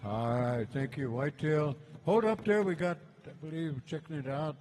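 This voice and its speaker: A man's voice: fairly high pitch, normal speed, darkish tone. A man working as a powwow emcee, giving informal, off-the-cuff live announcements and calls.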